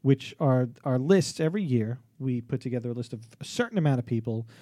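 A man's voice: mid-range voice, lively intonation, a little fast, dark tone, dry recording, studio quality. A man hosts a radio show in loose, bantering talk, often repeating his own phrases.

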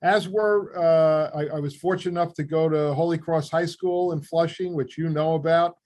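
Older male interview guest, Queens New York accent, slightly high voice, measured conversational delivery. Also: steady tone, a little mellow. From Queens, New York City, USA. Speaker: interview guest, former newspaper reporter and author.

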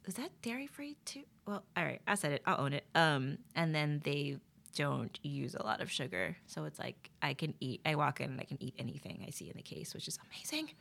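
Woman, interview guest, chatty, gravelly fry, bright tone, lowish pitch. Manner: chatty, animated storytelling with many fillers and laughs. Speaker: guest, poet. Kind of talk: casual interview chat.

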